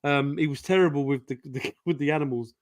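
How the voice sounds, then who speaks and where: A man's voice: fairly high pitch, steady tone, brisk. A man in casual chat on a comics stream, swearing and saying "listen" and "mate".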